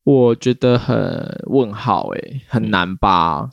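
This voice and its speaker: A man's voice: on the low side, slow, creaky, no echo, lo-fi sound. A man with a Taiwanese accent, chatting casually as a podcast co-host. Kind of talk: casual chat.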